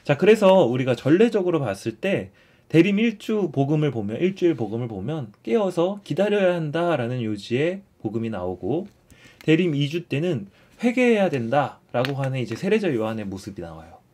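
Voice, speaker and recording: A man's voice: on the high side, very animated, moderate pace. Man giving a casual catechism lesson. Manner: explains warmly, repeats phrases, often starts with "자".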